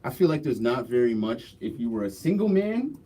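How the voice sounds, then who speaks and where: A man's voice: medium pitch, sing-song, brisk, mellow. A man co-hosting a podcast in laid-back, slangy casual chat. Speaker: podcast co-host. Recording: faint room noise.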